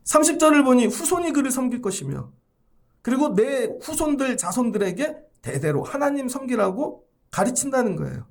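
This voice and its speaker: Dramatic high-voiced male pastor preaching. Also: very animated, normal speed, creaky. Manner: dramatic, acts out quoted voices with big swings in pitch and loudness. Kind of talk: sermon.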